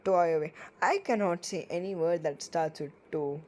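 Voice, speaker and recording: A woman's voice: lowish voice, moderate pace, darkish tone, rough recording. A woman reading poems aloud and reviewing them in casual commentary, with sarcastic, playful, ranting asides. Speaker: poetry reviewer.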